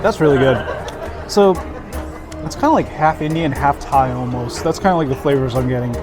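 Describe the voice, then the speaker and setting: A food vlogger with a medium-pitched voice and moderate pace reviews food casually to camera, savoring each bite with delighted approval. Background music and crowd chatter fill the recording.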